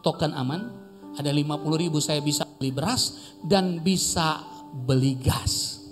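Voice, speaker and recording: A man's voice: fairly high pitch, a little slow, big-room sound, faint music behind. A man preaching at a church service, telling a story with humor and laughing as he goes. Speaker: pastor. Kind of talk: sermon. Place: church service in a rented shop-house hall.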